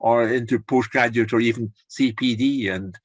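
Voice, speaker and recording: A man's voice: medium pitch, steady tone, moderate pace, no echo. An older man leading an online course, chatting encouragingly over a video call and rambling with restarts. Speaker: course leader. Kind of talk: casual chat on a video call.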